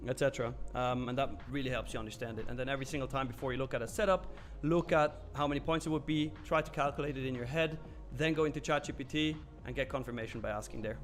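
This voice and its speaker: A Swiss man hosts a live trading stream, answering viewer comments in a loose, candid chat full of fillers and the occasional curse. His medium-pitched voice stays steady, and he talks quickly with few pauses over soft background music.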